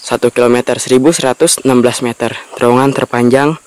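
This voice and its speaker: Smooth-voiced man narrating a travel vlog. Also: mid-range voice, fairly even intonation, fast, darkish tone, dry recording. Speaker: vlog host. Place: outdoors by a railway tunnel mouth in forested hills.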